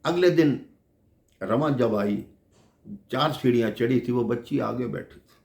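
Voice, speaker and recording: A man's voice: medium pitch, unhurried, vocal fry, darkish tone. A man telling a devotional story, addressing listeners affectionately as brothers and sisters. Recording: echoey room.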